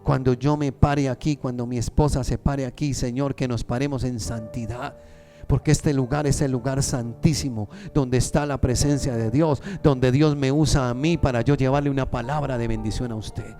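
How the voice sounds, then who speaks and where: A man preaching a sermon to his church, pleading and emphatic, slowing his words for weight. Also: fairly even intonation, mellow, faint music behind. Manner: impassioned preaching, slows down for emphasis, rises in pitch when pleading. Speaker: pastor.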